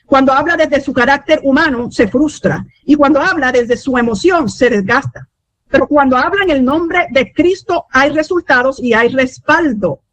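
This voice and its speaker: A woman preaching a teaching sermon, often pausing with "eh" and saying amen between points. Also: sits high, fairly bright tone, dry recording. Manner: fillers and restarts, frequent amen.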